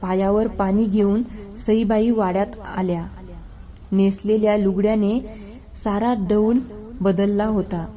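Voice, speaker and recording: A woman reading a historical novel aloud in a measured storytelling manner. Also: medium pitch, steady tone, warm tone. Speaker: reader.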